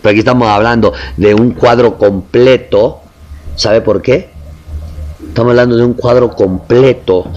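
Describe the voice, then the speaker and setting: A man's voice: medium pitch, a little mellow, dull audio. A man preaching a sermon in Spanish, impassioned, building emphatic lists and calling his listeners brother.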